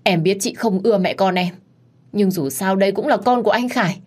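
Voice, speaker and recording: A woman's voice: fairly low pitch, normal speed, slightly rough. A woman voicing a scheming pregnant young woman in her twenties who pleads in a trembling voice. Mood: pleading. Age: 20s.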